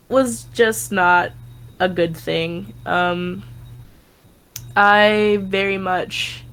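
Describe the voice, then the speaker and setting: A young woman speaks over a remote call, her voice sitting in a middle pitch. She rambles loosely, full of fillers and casual swearing. A faint hiss of ambience sits under her. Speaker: guest psychic.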